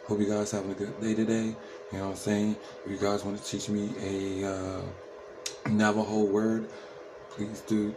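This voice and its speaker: A man's voice: lowish voice, little pitch movement, moderate pace, background noise. A man in his thirties from New Jersey with an American accent, giving casual, slangy reaction commentary. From Trenton, New Jersey, USA. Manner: slangy, repetitive tag questions. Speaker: reaction video host.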